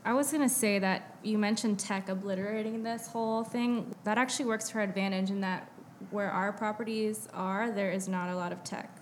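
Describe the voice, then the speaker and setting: A woman's voice: medium pitch, steady tone, brisk, few pauses. Woman on a podcast chatting about her business, laid back, says like a lot, faint hiss behind. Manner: easygoing, filler-heavy explaining. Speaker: podcast guest, business owner. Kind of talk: casual chat.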